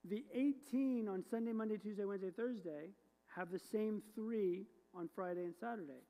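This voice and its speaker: In a synagogue sanctuary, a woman rabbi explains the prayers to her congregation playfully, joking and quizzing them as she goes. Her voice is mid-range and dark at a moderate pace, with the sanctuary's long reverb around it.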